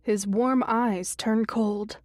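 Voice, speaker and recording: A woman narrating a first-person thriller audiobook in a measured, tense way on a close studio mic. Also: fairly high pitch, fairly even intonation, a little mellow, dry recording.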